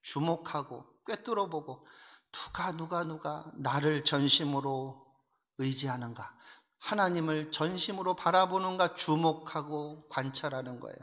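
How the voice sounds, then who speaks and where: A middle-aged man preaching a sermon, his voice sitting a little high for a man. He talks bluntly and roughly, swinging between loud urging and quiet confiding asides. His voice carries a long reverb from the church hall. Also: unhurried. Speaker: pastor. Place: church sanctuary.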